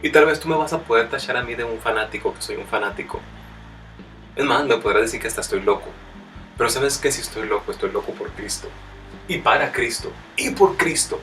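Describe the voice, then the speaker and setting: A man preaching a sermon with a strained throat, addressing the listener directly as brother and rising to loud, emphatic passages. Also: medium pitch, fairly quick. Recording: distant mic with faint music.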